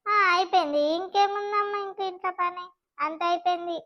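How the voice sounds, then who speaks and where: A woman's voice: extremely high pitch, a little fast, lo-fi sound. A woman voicing a chatty, deferential village maid with a Telangana accent. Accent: Telangana Telugu.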